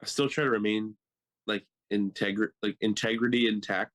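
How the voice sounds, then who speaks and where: A man co-hosting a podcast who tells animated stories in casual chat, full of "like". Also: fairly low pitch, moderate pace. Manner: animated storyteller, fills with "like". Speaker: podcast co-host.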